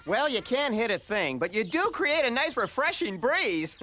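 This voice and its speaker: A man's voice: extremely high pitch, very animated, moderate pace, very noisy. A man voicing a wisecracking, easygoing talking pet dog in a cartoon, jokey and sarcastic. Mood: wry. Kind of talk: cartoon acting.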